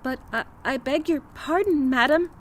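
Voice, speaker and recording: A woman's voice: high voice, moderate pace, a little hiss or hum, voice pushed up, lightly acted. A woman voicing a polite, timid young peasant girl in a storybook reading, speaking earnestly with a slight tremble.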